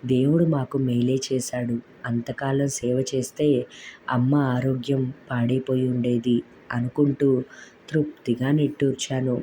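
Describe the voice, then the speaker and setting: Mellow-toned woman telling a story. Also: extremely low pitch, a little slow, slight background noise, poor audio. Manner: steady, even storytelling. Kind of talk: scripted narration.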